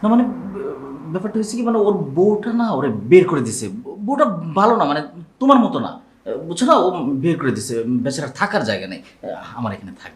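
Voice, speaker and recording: A man acting a flustered husband in a comedy sketch, often hushing his voice. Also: high voice, very animated, fast, pauses often, reverberant. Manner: flustered and hushed.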